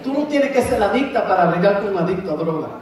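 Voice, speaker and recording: A woman's voice: medium pitch, expressive, fast, a little mellow. A middle-aged woman giving a fervent church testimony, laughing often and slipping into English phrases. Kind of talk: preaching testimony. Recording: echoey hall from far off.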